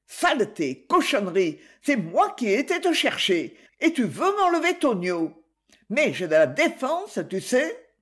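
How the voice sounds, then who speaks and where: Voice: mid-range voice, huge pitch swings, measured pace, fairly bright tone, voice pushed up. A reader voicing a furious, jealous young female cabaret dancer who shrieks insults in an audiobook. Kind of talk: audiobook reading.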